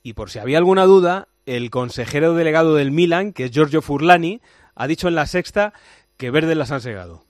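A man with a Spanish accent hosting a night sports radio show, reading the day's football news with brisk, wry delivery into a studio microphone. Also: on the high side, lively intonation, no room sound. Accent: Spanish (Spain). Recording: dry studio sound.

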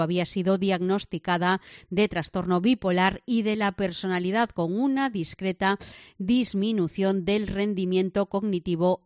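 Clear-voiced Spanish woman reading radio news. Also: medium pitch, no room sound, clean studio sound. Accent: Spanish from Spain. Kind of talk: scripted news narration.

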